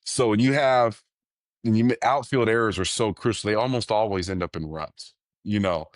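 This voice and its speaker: A young man with a very low voice talks as a podcast guest, in a loose, rambling way. He restarts his sentences and fills gaps with "you know." The sound is close and dry. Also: normal speed, no room sound. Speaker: podcast guest, baseball coach. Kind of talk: casual podcast conversation.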